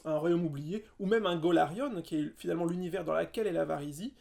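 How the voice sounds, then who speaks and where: A man's voice: fairly high pitch, gravelly, a little mellow. A man co-hosting a podcast, chatting enthusiastically and playfully about tabletop games. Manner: enthusiastic, playful, quick asides. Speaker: podcast co-host.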